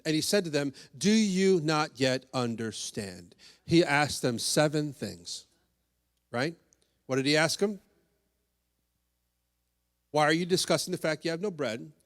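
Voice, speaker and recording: A man preaching a sermon with a fairly high, very lively voice. He acts out little scenes in different voices and keeps checking in with his listeners. His voice rings out through a church hall with a long reverb. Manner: animated, acts out voices of the disciples, many asides and "right?". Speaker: pastor. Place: church sanctuary.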